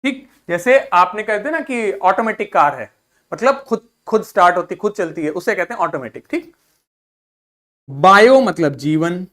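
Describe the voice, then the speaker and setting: A male school teacher with a high-pitched, expressive, slightly bright voice leads a vocabulary lesson at a moderate pace. Mixing Hindi with English terms, he explains word roots, drills pronunciation by splitting words into syllables, and has the class repeat after him.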